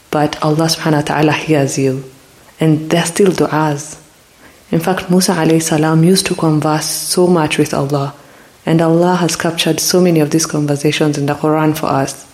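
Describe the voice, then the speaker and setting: Speaking close to the mic with a mid-range voice, a podcast host delivers a calm, reflective spiritual talk, peppering the listener with probing questions. When retelling stories, they turn looser and more hesitant. The audio quality is poor.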